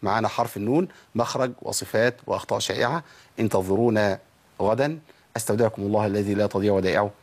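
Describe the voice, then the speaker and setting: Fast-talking Egyptian Quran teacher. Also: male voice, on the low side. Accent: Egyptian Arabic. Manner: lively, addresses viewers directly with rhetorical questions. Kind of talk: televised tajweed lesson.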